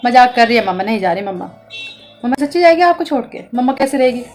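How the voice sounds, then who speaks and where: A woman in her thirties with a high voice, coaxing and soothing her child in a casual home vlog. She talks softly and patiently, and faint music plays behind her. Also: lively intonation, fast. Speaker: vlogger, mother. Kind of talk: casual family vlog talk.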